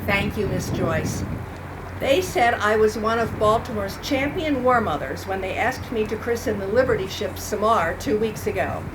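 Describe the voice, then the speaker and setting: In a noisy live event recording, a woman reenacts a radio play, reading the script as a proud, plainspoken 1940s war mother. Her medium-pitched voice has lively intonation, a normal pace, and sounds close to how she'd talk every day.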